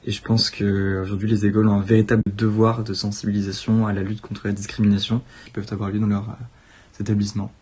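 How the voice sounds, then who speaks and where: A man's voice: lowish voice, flat delivery, quick pace, darkish tone, breathy edge. A man giving an earnest, conversational interview statement.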